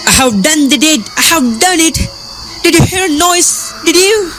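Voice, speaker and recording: A guilt-ridden, commanding king in an amateur stage play, acted by a woman. The delivery swings widely in pitch and sits fairly high, with clear music behind it. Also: animated, normal speed, fairly bright tone. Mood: guilty, shaken. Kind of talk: amateur stage drama acting.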